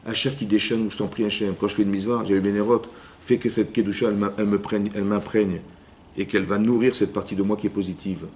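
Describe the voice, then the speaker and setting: A man, a rabbi, giving a Torah lesson in a lively way, acting out little inner dialogues and often checking that his listeners have understood. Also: lowish voice, fast talker, slight background noise. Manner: lively, acts out inner voices, keeps asking "vous avez compris?". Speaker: rabbi teaching a class.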